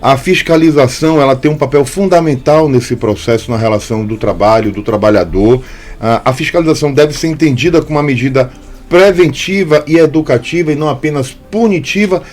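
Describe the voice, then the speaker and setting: A man hosting a radio interview in a studio, speaking in a measured way and addressing listeners directly. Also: fairly high pitch, a little mellow. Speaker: radio host.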